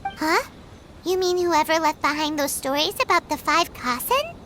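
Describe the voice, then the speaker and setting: A woman voicing Paimon, a tiny excitable fairy companion in a video game, bubbly and talking about herself in the third person. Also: sits high, normal speed, slight background noise. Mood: curious.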